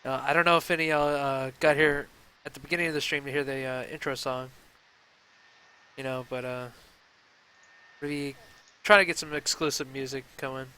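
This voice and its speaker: A man's voice: mid-range voice, steady tone, normal speed, pushed and bright, clear, resonant tone, low-quality recording. A young man hosting a casual gaming talk stream, chatting loosely with lots of fillers and restarts. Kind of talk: casual live-stream chat.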